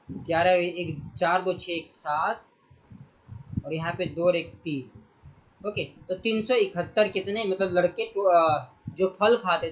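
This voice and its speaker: A young man with a notably high-pitched voice teaches a primary school math lesson. He counts through each sum step by step and speaks straight to the pupils as he works. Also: fairly bright tone, low-quality recording. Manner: talks through sums step by step, addressing pupils directly.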